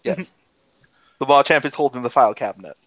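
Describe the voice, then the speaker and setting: Game master, man, loose unhurried narration, dull home-mic sound. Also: mid-range voice, lively intonation, a bit bright, dry recording.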